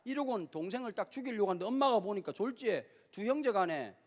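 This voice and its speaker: A middle-aged man with a Gyeongsang accent, preaching a lively youth-camp sermon as a pastor and telling stories with playful slang. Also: high voice, quick pace. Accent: Gyeongsang Korean. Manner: animated storytelling with acted voices and playful slang. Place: large hall at a youth camp. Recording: reverberant hall.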